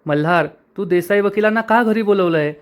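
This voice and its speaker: A man's voice: high voice, brisk, clear, resonant tone, natural voice. Taidi, read by a man, scornful wealthy sister. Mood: angry.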